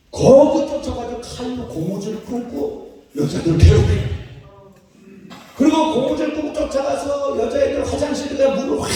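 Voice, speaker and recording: A pastor telling a testimony in a sermon, dramatic and animated, now and then breaking into song or shouting. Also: male voice, very high-pitched. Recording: echoey hall from far off.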